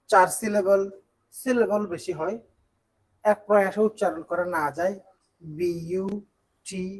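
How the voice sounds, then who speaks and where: A teacher from Bangladesh teaches English grammar in an online class. The voice sits at a middle pitch and moves patiently through each point. Quick rhetorical questions keep the students following along. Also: rough recording. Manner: explains step by step, asks rhetorical check questions.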